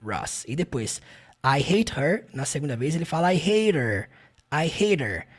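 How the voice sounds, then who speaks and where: Lively Brazilian teacher, animated pitch. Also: breathy edge. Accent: Brazilian Portuguese. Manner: animated, repeats phrases slowly, many tag questions. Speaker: English teacher. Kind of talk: language lesson explaining film clips.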